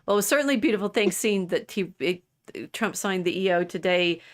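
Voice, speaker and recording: A woman's voice: mid-range voice, lively intonation, a little fast. A woman in her sixties co-hosting a livestream, talking in a rambling casual way with many restarts. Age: 60s. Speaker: co-host of a livestream. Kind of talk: casual chat.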